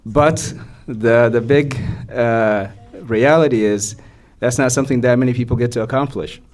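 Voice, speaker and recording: A young man from Somalia, a physician, giving a measured personal talk to an audience with frequent fillers. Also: mid-range voice, darkish tone, soft background music. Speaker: guest speaker, physician.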